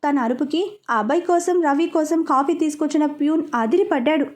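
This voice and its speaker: A woman tells a serialized love story in a steady, expressive voice. Her voice sits high, and the narration sounds scripted. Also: brisk.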